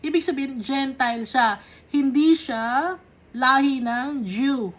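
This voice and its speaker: A woman's voice: sits high, takes it slowly. A woman teaching a Bible study. She reads verses aloud and then explains them patiently, step by step, checking in with short tag questions. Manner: mixes English Bible reading with Tagalog explanation.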